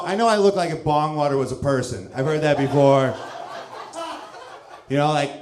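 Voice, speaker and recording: A man's voice: fairly high pitch, roomy sound. A stand-up comedian in his thirties from St. Louis, with a loose, self-mocking delivery and chuckles between lines, on a club stage with a handheld mic. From St. Louis, Missouri, USA. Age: 30s.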